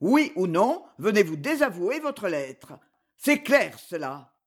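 A man's voice: sits high, very animated, slow pace, full character voice. A man reading a novel aloud, voicing a pompous, self-important head of a noble family who declaims.

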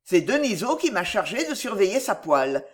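A reader voicing a courteous bearded colonel who speaks politely and with gentle amusement. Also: medium pitch, very animated, moderate pace, close to an everyday voice.

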